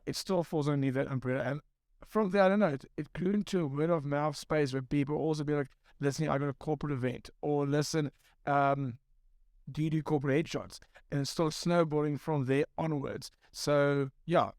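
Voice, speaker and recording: A man's voice: on the high side, brisk, no room sound, studio quality. Rambling storyteller, a man in his thirties. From South Africa. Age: 30s. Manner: relaxed, rambling storytelling with repeats. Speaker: guest photographer. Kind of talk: casual panel chat.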